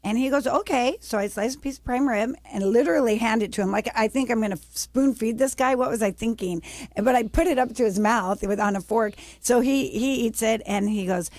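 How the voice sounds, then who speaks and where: A woman's voice: fairly quick, dry recording. A middle-aged woman from the United States, a business founder telling her story as an interview guest, acting out the voices of the people she quotes. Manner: animated storyteller, acts out quotes with raised pitch.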